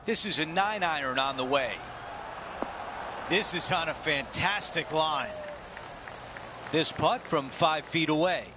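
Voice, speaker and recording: A man performing as a measured TV golf commentator in a video game, calling play by play. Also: fairly high pitch, crowd noise, background noise. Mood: measured, approving. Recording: music behind the voice.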